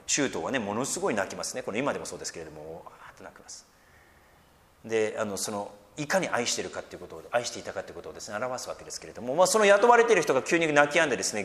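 A man delivers a sermon with a lively, expressive voice that swings up and down and rises sharply when he quotes. He mixes earnest teaching with gentle joking asides. The sound carries a long, ringing church-hall reverb. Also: medium pitch. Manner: animated preaching, raising his voice for quoted words. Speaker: pastor.

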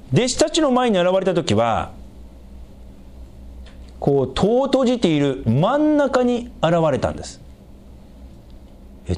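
A middle-aged man preaching a sermon as a pastor, explaining scripture in an animated way and making small jokes with the congregation. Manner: animated, raises pitch for emphasis and quoted lines, jokes with the congregation.

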